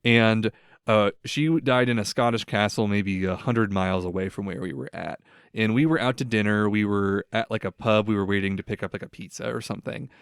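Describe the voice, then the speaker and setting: Smooth-voiced young man chatting casually. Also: fairly low pitch, brisk, no echo, clean studio sound. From United States. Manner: rambling storyteller, filler-heavy, lots of "like". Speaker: podcast host. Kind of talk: casual chat.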